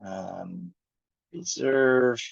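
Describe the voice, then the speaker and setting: A man presenting a technical topic on a group call, thinking aloud with many pauses and fillers. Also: mid-range voice, gravelly. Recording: dull lo-fi call audio.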